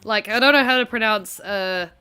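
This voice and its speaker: Bright-voiced woman with broad Kiwi accent. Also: mid-range voice, normal speed, clear, resonant tone, soft background music. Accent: broad rural New Zealand. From rural New Zealand. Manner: self-deprecating, sweary, rambling banter. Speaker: gaming video host. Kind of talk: casual gameplay commentary.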